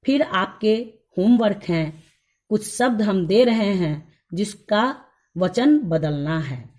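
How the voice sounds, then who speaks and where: A woman teaching a grammar lesson to young schoolchildren. She speaks at a very slow, deliberate pace in an ordinary mid-pitched voice. She repeats each rule and word list with patient care. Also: expressive, darkish tone. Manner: addresses pupils fondly as children.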